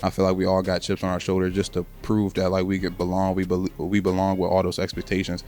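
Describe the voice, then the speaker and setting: Young man, deep flat pitch, rapid casual delivery, slangy, earnest, athlete interview. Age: young adult. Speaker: college basketball player being interviewed.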